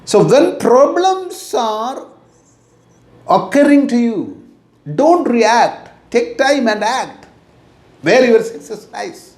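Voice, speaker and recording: A middle-aged man with an Indian English accent giving a motivational talk, slow and deliberate, repeating his key phrases. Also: very high-pitched, sing-song, a little mellow. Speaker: motivational teacher. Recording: echoey room.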